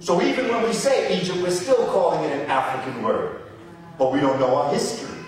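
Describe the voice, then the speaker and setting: A man's voice: fairly high pitch, brisk, a little hiss or hum. A man giving a passionate, preacherly history lecture, emphatic and repeating words for effect, recorded from a distance in a large hall. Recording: echoey hall, recorded from afar.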